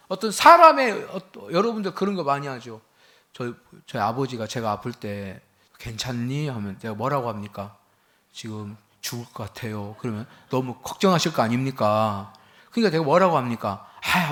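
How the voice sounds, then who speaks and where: A man's voice: medium pitch, pushed and bright. A man preaching a sermon to a congregation. He keeps asking them questions and acts out quoted speech in a raised voice. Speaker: pastor. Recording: church hall with a microphone.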